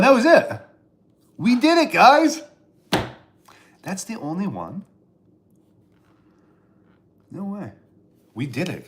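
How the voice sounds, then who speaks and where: A man's voice: mid-range voice, fairly bright tone. Rambling sarcastic man streaming live. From Pennsylvania, US. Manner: rambling, sarcastic, answering chat with restarts. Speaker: live streamer and stand-up comedian. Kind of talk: casual live-stream chat.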